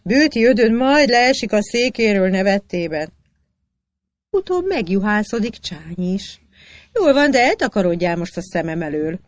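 A narrator reading historical anecdotes aloud in an even storytelling manner. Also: medium pitch, no echo.

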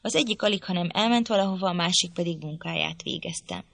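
A woman narrating a literary audiobook in a measured, even storytelling manner. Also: lowish voice, vocal fry, dry recording.

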